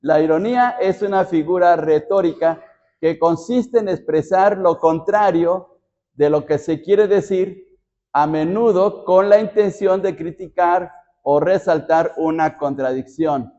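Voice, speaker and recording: A man's voice: sits high, measured pace, warm tone, muffled recording. A man preaching a Bible study sermon as pastor, asking the congregation rhetorical questions.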